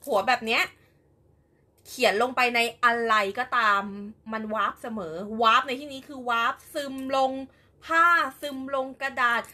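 A young woman chats casually on a live stream while preparing an embroidery project, talkative and giggly, laughing often and repeating words. Her voice is high-pitched and sharp, at a normal pace.

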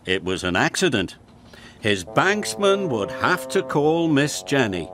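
A man narrating a children's story about work machines. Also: medium pitch. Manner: slow, lively storytelling. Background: music.

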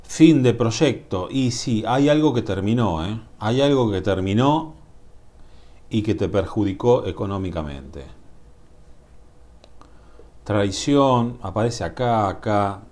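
A man with a Rioplatense Spanish accent reading tarot cards to camera in a musing, drawn-out way, often asking "mm?" to the viewer. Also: lowish voice, expressive, a little mellow. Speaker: tarot reader. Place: indoors at a table. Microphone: camera above the table, speaker off-screen.

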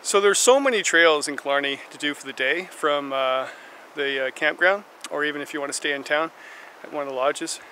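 Speaking fairly quickly in a slightly high voice, a middle-aged camping vlogger films himself with a handheld camera at arm's length. He tells a rambling bedtime story in a tent at night, then discusses a hiking trail outside, chuckling as an animated storyteller. Slight background noise is present.

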